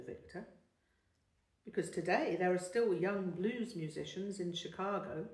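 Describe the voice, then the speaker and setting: A woman reading the part of a patient older man who teaches music, explaining carefully and encouraging his young pupil. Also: fairly low pitch. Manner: measured, explanatory, gently encouraging. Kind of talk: audiobook character voice. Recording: roomy, distant mic.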